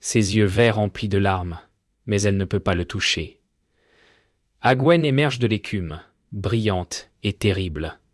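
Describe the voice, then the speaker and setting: Male fairy-tale narrator, low and slow, solemn, dry close sound. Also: no room sound. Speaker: storyteller.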